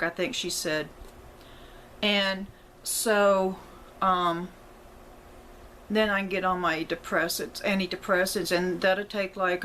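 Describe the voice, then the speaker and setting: Close to tears, a middle-aged woman talks informally to her viewers as a vlogger, wandering off track, saying sorry and fixing her words as she goes. Her fairly low voice is a bit bright, and the rough audio carries some hiss or hum.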